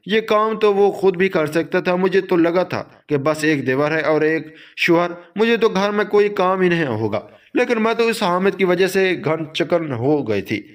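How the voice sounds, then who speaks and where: Guy narrating a moral story, kinda high voice, steady even read.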